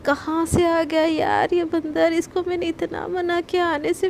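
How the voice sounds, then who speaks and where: A young woman caught in a love triangle, coaxing and pleading in a spoken storybook tale, as a woman narrator voices her. Her voice sits high with a mellow, soft tone, and the pleading stays on one narrow line. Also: slight background noise. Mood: fretting.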